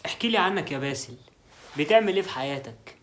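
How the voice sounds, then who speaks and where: Male actor, Egyptian lawyer who brags and lies, quick high voice, comedy sketch. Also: animated, fairly bright tone, slight background noise. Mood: bragging. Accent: Egyptian Arabic. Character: boastful lying Egyptian lawyer, middle-aged man, joking. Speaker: con-artist lawyer named Adel.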